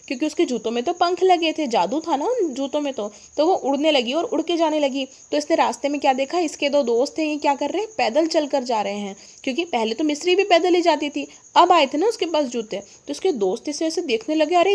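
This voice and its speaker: A woman's voice: high voice, darkish tone. A woman teacher explaining a story lesson to children, often asking the class questions and answering them herself. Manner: asks the class rhetorical questions.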